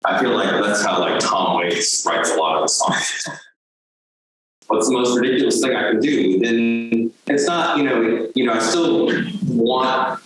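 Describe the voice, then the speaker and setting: A man's voice: mid-range voice, measured pace, a bit bright, a little hiss or hum. A man from Vermont giving a casual lecture about his painting, talking loosely with many "like" and "um" fillers. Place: lecture hall. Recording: very echoey hall, heard from far off.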